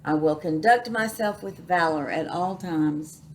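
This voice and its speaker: A woman's voice: fairly low pitch, a little slow, a little mellow, close to an everyday voice. Polite, proper, well-spoken male recruit voiced by a woman for a pirate storybook, precise manner, audible noise. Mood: proudly assured. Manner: formal, precise, overly proper wording. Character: prim, polite, well-spoken rascal man applying as pirate. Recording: noticeable background noise.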